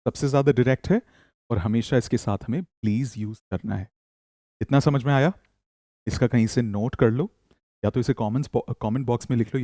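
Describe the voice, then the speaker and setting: A man teaching spoken English in Hindi, reading model sentences slowly for learners to repeat and praising them often. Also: mid-range voice, dark tone, no echo, clean studio sound.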